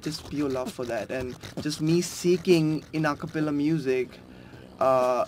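A man's voice: fairly high pitch, a little slow, a little mellow, a little hiss or hum. A man in his twenties, a beatboxer, explaining his craft in easygoing talk with frequent fillers and restarts. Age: 20s. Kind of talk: casual interview talk.

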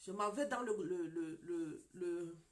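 In a lowish, unhurried voice, a pastor and marriage counselor whose first language is French shares an emphatic testimony in broken English. She acts out the quotes in her story and now and then lowers her voice to a whisper.

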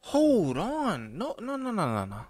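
Close to the mic in a small home room, a young adult man gives slangy, exclamatory reaction commentary as a video host, with game trailer music and other noise in the background. His high-pitched voice swings hugely in pitch at a slightly slow pace.

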